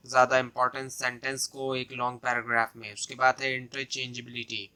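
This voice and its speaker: Bright-voiced Pakistani man tutoring flatly. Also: medium pitch, clear, resonant tone. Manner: explains step by step, restating points, many "so" and "uh" fillers. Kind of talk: exam-prep lecture.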